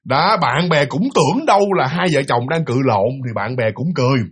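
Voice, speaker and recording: Male storyteller, animated and chatty, slightly higher voice with a husky edge. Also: normal speed. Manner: animated, repetitive, conversational. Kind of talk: casual spoken ghost story.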